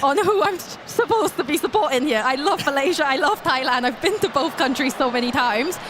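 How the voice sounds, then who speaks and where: A woman's voice: high voice, animated, brisk, a bit bright, a little hiss or hum. A woman from Singapore giving chatty, enthusiastic colour commentary on an esports football match.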